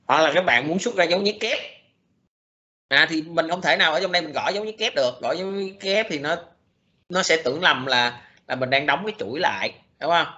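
A man giving a recorded programming lecture, speaking haltingly with many fillers and restarts. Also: a little high, lively intonation, pushed and bright, highs cut off.

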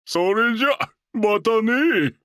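An actor playing a jolly, gentle old Santa Claus who chuckles and talks in a grandfatherly way to a child. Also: sits high, animated, no room sound, clean studio sound, exaggerated voice. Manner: slow, chuckling grandfatherly speech.

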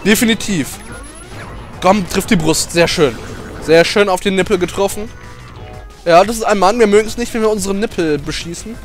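A man doing let's play commentary, emotional and excitable, cheering, swearing and shouting at the game as he plays. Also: sits high, moderate pace, faint music behind.

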